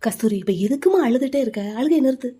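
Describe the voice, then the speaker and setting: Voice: high-pitched, expressive, quick pace, dark tone, slightly rough, pitched below the performer's own voice. A voice actor playing a young man soothing a crying bride in a cartoon story.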